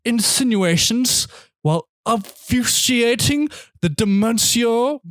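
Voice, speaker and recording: A man putting on the voice of a snobby, pretentious male film critic, reading a review in a pompous, drawn-out way. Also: extremely high pitch, lively intonation, a bit bright, dry recording, pitched above the performer's own voice, heavily acted.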